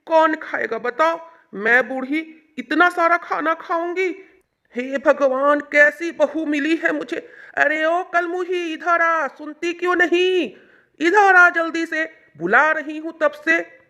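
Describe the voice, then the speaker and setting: A woman's voice: extremely high pitch, takes it slowly, pushed and bright, heavily acted. A woman voicing an old, nagging mother-in-law in a cartoon story, scolding and complaining in a bossy manner.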